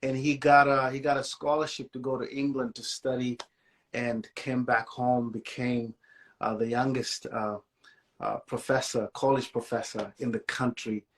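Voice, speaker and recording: Casting: relaxed male guest from Malawi, forties, easygoing storyteller, mid-range voice. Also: mid-range voice, normal speed. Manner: relaxed, says "man" and "yeah" often. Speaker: guest, musician and speaker. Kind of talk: casual storytelling interview.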